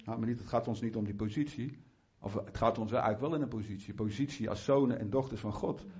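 A mellow, fairly low-voiced man preaches at a quick pace in a fervent, talkative style. He restarts and drifts into asides, regularly building into heartfelt prayer. Expect muffled, lo-fi audio.

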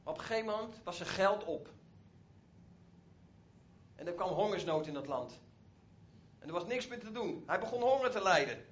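A man's voice: sits high, expressive, normal speed, pauses often, dull audio. A man retelling a Bible story as a preacher, in a conversational way with frequent asides to his listeners.

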